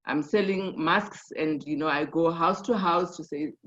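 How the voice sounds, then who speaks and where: A woman's voice: deep voice, measured pace, fairly bright tone. A woman sharing her experience in a group discussion, thoughtful, with many fillers and restarts. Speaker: conference participant. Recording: dull lo-fi online call audio.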